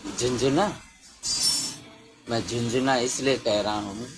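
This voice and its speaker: A man preaching a sermon slowly and emphatically, raising his voice for stress. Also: medium pitch, steady tone, loud music behind the voice. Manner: slow, emphatic, with rising exclamations.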